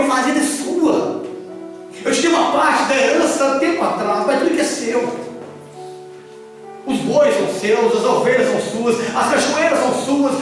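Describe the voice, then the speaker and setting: Man acting out an impassioned old father begging his son, high-pitched, echoey hall from far off, faint music. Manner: impassioned, repeating himself, rising to shouts. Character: loving older father pleading with his son.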